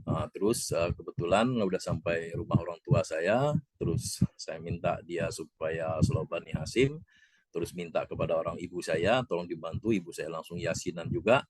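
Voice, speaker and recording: A man's voice: normal speed, a little mellow, rough recording. A man, telling a personal story at a religious gathering and acting out the people in it with a raised voice. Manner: acts out quoted speakers in a higher voice.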